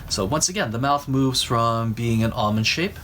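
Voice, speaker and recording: A man explaining how to draw eyes and mouths, talking while he sketches and pausing between phrases. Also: medium pitch, fairly bright tone, slight background noise. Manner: explanatory, talks while drawing, pauses mid-phrase. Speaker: drawing instructor. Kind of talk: recorded art lesson.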